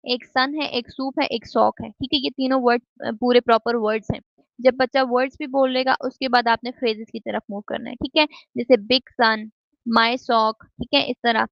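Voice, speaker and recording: A woman's voice: a little high, fairly even intonation, normal speed, vocal fry, dry recording. Woman lecturer checking "theek hai?" often. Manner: explains step by step, keeps asking "ठीक है?"; mixes English terms into Hindi-Urdu speech. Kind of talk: recorded lecture. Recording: dull, dry lo-fi recording.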